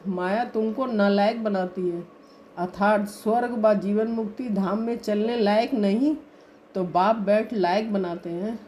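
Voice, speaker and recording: A woman reading spiritual teachings aloud as a steady, measured recitation. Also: mid-range voice, slight background noise.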